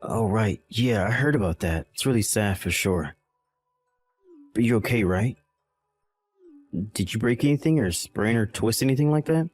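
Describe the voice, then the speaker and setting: A man's voice: lowish voice, expressive, normal speed, long pauses, a little mellow, faint music behind. A man voicing a dismissive, callous young husband in a text-message drama, irritated and belittling.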